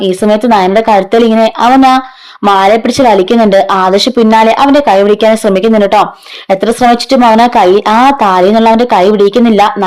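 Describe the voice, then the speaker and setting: A woman's voice: mid-range voice, a little mellow. A woman from casually retelling a serial story, chatty and conversational, quoting the characters in her own voice. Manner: chatty, adds "ട്ടോ" tags, quotes characters in own voice.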